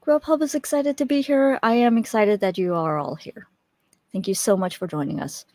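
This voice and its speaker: On a USB desk mic, a young woman running a live webinar makes friendly small talk as viewers trickle in, chatty and filler-heavy with frequent restarts. She speaks at normal speed with a medium-pitched, darkish voice, captured as clean studio sound without echo.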